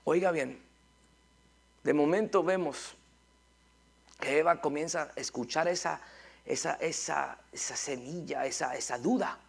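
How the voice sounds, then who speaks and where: A male preacher, delivering a lively sermon. He keeps repeating words and firing rhetorical questions at his listeners. His voice is gravelly and sits a little high for a man. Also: a little slow, long pauses.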